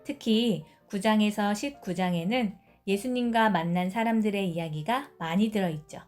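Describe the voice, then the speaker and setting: Woman, scripted children's Bible storyteller, gentle, asks the audience questions, mid-pitched voice, soft music underneath. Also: moderate pace. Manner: gentle, addresses listeners with questions.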